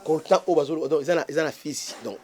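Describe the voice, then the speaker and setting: A Congolese bishop with a French accent hosts his own channel, delivering impassioned political commentary in a fairly high, slightly mellow voice with a breathy edge. He speaks haltingly, full of hesitations, fillers and restarts, and stray Lingala words slip into his speech.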